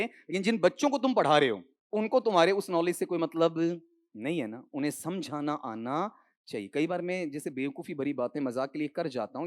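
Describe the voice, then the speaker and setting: A man runs a classroom lesson on English grammar for an exam. He keeps firing questions at his students, repeats the key words, and calls them "sahab" and "beta" as he talks. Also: a little high. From India. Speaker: English teacher. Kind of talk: exam-prep classroom lecture.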